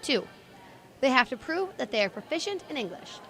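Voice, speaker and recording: A woman's voice: sits high, big pitch swings, moderate pace, a bit bright. A young woman reporting a student news story in scripted narration, with an upbeat, punny delivery.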